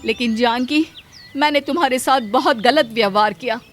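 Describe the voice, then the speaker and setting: A woman's voice: sits high, moderate pace, faint music behind, close to an everyday voice. A woman voicing a stern, commanding wealthy mistress of the house in a cartoon story. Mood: remorseful. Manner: scolding, commanding.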